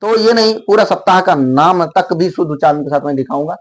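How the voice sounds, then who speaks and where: Male teacher, high voice, explains patiently and repeats words aloud to model pronunciation. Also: expressive, fairly quick. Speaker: English teacher. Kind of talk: explanatory video lesson.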